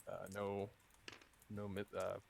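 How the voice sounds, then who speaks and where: A man's voice: low voice, completely flat delivery, takes it slowly, gravelly, heavy background noise. A man playing a tabletop wargame, calling out his dice rolls with hesitant fillers. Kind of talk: casual game commentary.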